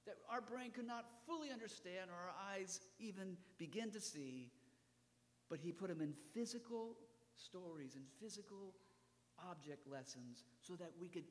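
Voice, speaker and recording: A man preaching a sermon as pastor, swinging from loud cries to hushed whispers and asking the congregation direct questions. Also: high-pitched, in a large hall. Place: church sanctuary.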